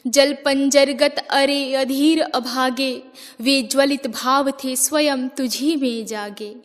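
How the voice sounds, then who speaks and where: A remorseful queen mother pleading before the court, voiced by a woman reciting verse. Her high voice moves slowly and deliberately through each line. A long hall reverb trails every phrase. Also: steady tone, faint music behind. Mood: anguished. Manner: impassioned, measured verse recitation.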